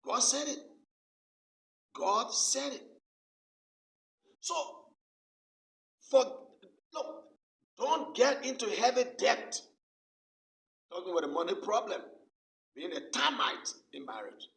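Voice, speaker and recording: A man's voice: high-pitched, animated, slow pace, gravelly, pauses often, a bit bright. A male pastor preaching a sermon with emphasis, repeating his key phrases over and over. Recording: roomy sound from a distant mic.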